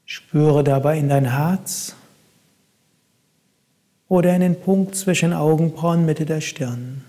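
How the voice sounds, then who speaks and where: A man guiding a meditation in a calm, soft-spoken way, with long pauses between instructions. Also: a little high. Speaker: meditation guide.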